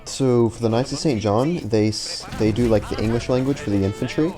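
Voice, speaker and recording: A man's voice: medium pitch, brisk, mellow. A young man giving laid-back, casual commentary while playing a video game. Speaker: gameplay commentator. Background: game music.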